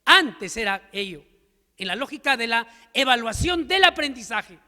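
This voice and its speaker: A man's voice: extremely high pitch, big pitch swings, normal speed, pushed and bright. A man giving an emphatic seminar lecture to teachers, full of rhetorical questions and stories. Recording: long hall reverb.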